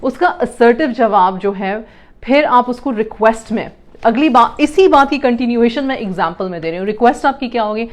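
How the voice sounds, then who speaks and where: A woman's voice: a little high, expressive. A woman explaining communication to parents, mixing in English terms and acting out example lines.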